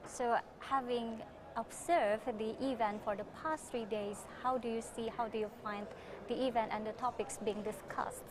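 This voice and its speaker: Indonesian lady hosting a tv interview, formal short questions, higher voice, noisy recording. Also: fairly even intonation, moderate pace. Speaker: TV host. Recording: noisy background hiss.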